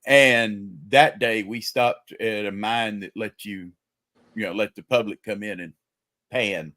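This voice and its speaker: A man's voice: on the low side, measured pace, pushed and bright, no room sound. Older man, grandfather, casual livestream chat, storyteller, dry close sound. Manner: chatty storyteller. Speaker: livestream panelist.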